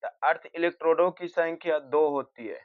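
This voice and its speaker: A fairly high-voiced man teaches an exam practice lesson at normal speed, reading out each question and then supplying the answer in a steady way, sometimes self-correcting. It's captured on a dull, lo-fi recording.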